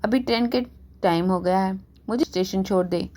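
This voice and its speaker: A gruff, bossy father barks orders at his son, as a woman narrator puts him on. He speaks in short, scolding commands in a read-aloud story. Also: medium pitch, normal speed, darkish tone, close to an everyday voice. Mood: stern. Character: stern middle-aged father, bossy and gruff.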